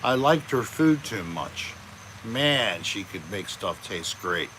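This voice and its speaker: A man hosting a casual live chat, greeting viewers by name in a relaxed, chatty way. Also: lowish voice, takes it slowly, a little hiss or hum, poor audio. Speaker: livestream host.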